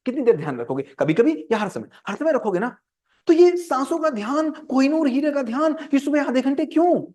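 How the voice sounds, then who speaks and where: A man's voice: sits high, a little mellow. A man giving a teaching talk on handling anger, who keeps asking his listeners questions and acts out everyday scenes. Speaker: speaker on managing anger.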